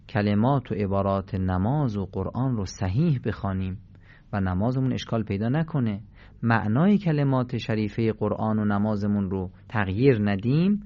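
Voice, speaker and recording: A man's voice: lowish voice, muffled recording. A man teaching Quran recitation in a radio lesson, patiently demonstrating letter sounds with emphatic repetition.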